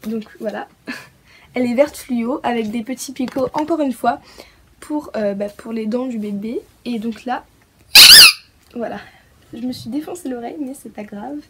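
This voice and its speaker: A woman from France talks through a haul of puppy gear in a casual, hesitant way. She fills her pauses and lets small giggles slip in. Her voice sits a touch high over a light hiss. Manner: hesitant, many fillers, giggly. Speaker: pet vlogger.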